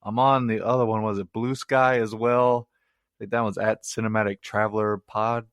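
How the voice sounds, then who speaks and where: A man's voice: lowish voice, steady tone, normal speed, smooth, dry recording, studio quality. A man hosting his own movie review podcast, chatty and rambling, with self-mocking asides. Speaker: podcast host.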